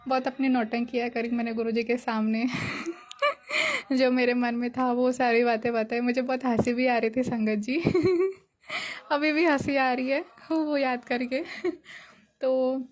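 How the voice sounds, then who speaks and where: A woman's voice: a little high, little pitch movement, normal speed. Giggly young woman sharing a devotional story. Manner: chatty, giggly, grateful. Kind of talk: casual spoken testimony.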